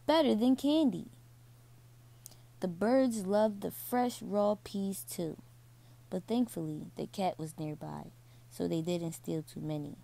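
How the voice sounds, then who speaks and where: A woman reading a bedtime story aloud to children, slowly and soothingly. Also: fairly low pitch, steady tone, vocal fry, warm tone.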